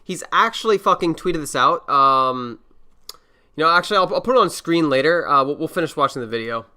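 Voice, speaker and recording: Bright-voiced casual stream host. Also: male voice, fairly high pitch, lively intonation, a little fast. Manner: loose, laughing, slangy and scornful. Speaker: livestream host. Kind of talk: casual reaction stream chat.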